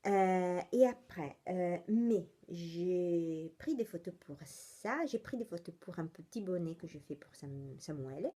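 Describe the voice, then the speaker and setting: Slow, mellow-voiced Italian woman rambling. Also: fairly low pitch, expressive. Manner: rambling, hesitant, many fillers and restarts. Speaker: knitting podcast host. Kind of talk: casual chatty podcast monologue.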